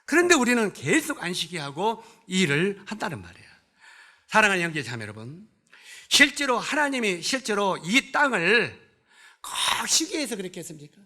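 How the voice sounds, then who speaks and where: A man's voice: high-pitched, big pitch swings, moderate pace, pushed and bright. A male pastor preaching in a church. He keeps putting rhetorical questions to the congregation and scolds bluntly with humor. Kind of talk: sermon. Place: church sanctuary.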